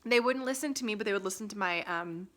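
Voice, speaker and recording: A young woman from Las Vegas chatting casually to her camera, full of "like" and "um" and quick laughs. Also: medium pitch, fairly bright tone. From Las Vegas, USA. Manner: chatty, lots of "like" and "um", laughs often. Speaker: vlogger. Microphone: phone camera.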